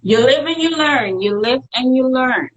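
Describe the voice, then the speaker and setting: A woman's voice: high voice, lively intonation, moderate pace, muffled recording. A woman in her forties from Suriname, Dutch by first language, with a Dutch accent, talking frankly and reflectively as an interview guest. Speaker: guest entrepreneur. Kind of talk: casual interview chat.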